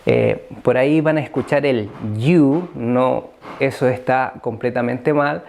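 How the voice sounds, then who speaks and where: A man with a Chilean Spanish accent teaching an English grammar lesson, explaining slowly with frequent fillers. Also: mid-range voice, vocal fry, darkish tone.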